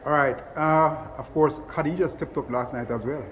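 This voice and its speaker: A man's voice: a little high, fairly even intonation, moderate pace, fairly bright tone, big-room sound, a little hiss or hum, low-quality recording. Upbeat man asking interview questions. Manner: brief, upbeat prompting questions. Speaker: sports show interviewer. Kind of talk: post-match interview questions.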